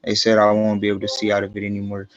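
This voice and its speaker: A man speaking as a defendant, soft-spoken and hesitant, heard on a courtroom recording. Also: fairly low pitch, monotone, racing, muffled recording, soft background music.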